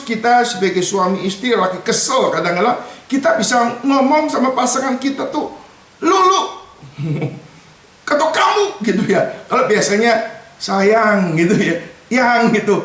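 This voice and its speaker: A man's voice: extremely high pitch, fairly bright tone. Pastor, male, sermon delivery, roomy hall, mic at a distance. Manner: addresses congregation as brothers and sisters, mixes in English words. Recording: echoey church hall from far off.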